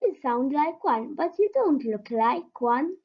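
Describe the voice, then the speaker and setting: A woman voicing a small, curious wolf cub in a very high, light voice, in a storybook reading. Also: lively intonation, slow, lo-fi sound.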